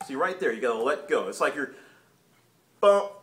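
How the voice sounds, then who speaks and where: Male drum instructor, relaxed chatty delivery, roomy echo, drumming behind. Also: medium pitch, fast, soft background music. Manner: relaxed, chatty, scatting drum patterns aloud. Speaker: drum teacher. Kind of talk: casual video lesson.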